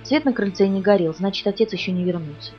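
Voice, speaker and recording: A woman narrating an audiobook in the first person with a brisk, steady reading. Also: mid-range voice. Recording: dull lo-fi audio from a distance, with music underneath.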